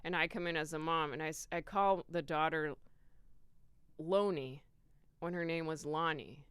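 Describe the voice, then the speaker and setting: A woman who is a comedian and podcast guest, telling stories in an animated way with quick restarts. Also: low voice, clear, resonant tone, no room sound. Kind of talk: casual podcast chat.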